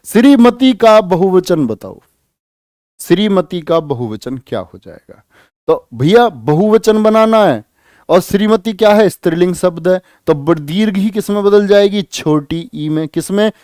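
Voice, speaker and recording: Lively grammar teacher, man. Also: sits high, a little slow, no echo, clean studio sound. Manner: lively, repeats questions and prods students to answer. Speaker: Hindi grammar teacher for police exam students. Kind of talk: live online exam-prep class.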